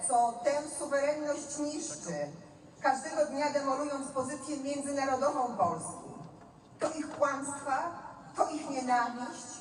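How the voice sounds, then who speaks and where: An echoey, distant outdoor recording carries a Polish woman making a rally speech. She speaks slowly and emphatically, with repeated phrases built for a crowd. Her voice sits high. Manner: emphatic, deliberate, repetitive rhetorical phrasing. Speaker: political speaker at a demonstration. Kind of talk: rally speech, addressing a crowd with chanted slogans. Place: outdoor city demonstration. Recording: echoey outdoor public address, distant, faint noise.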